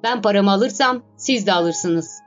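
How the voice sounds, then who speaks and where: A frustrated poet-playwright , voiced by a woman, grumbles and sighs as things go wrong around him. His voice stays close to the reader's own, mid-pitched. The recording sounds a little dull, with faint music underneath. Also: measured pace, close to an everyday voice. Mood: bitter. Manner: exasperated, sighing complaints.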